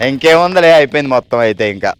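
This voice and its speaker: A man hosting a game show, teasing and coaxing the contestants in quick, playful banter. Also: medium pitch, animated, noisy background.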